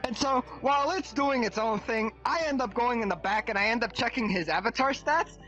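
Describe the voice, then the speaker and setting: An excitable speaker spinning a story over voice chat in a VR world, tone bright and forceful. They swear freely and keep asking "right?". Faint music sits in the background. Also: mid-range voice, a little fast, highs cut off. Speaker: visitor telling a story. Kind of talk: animated storytelling.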